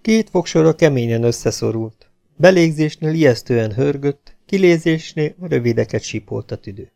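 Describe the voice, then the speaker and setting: A man reading an adventure novel aloud as an audiobook narrator, with a steady, slightly dramatic delivery. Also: fairly high pitch, creaky. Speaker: audiobook reader.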